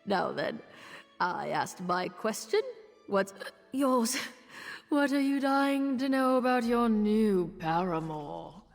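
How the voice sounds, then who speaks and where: A mid-range, animated, gravelly female voice brings to life a flirtatious, boastful, tipsy elf circus performer in a video game. The actress keeps it slow, languid, teasing and playful, and the clip carries slight hall reverb plus game music.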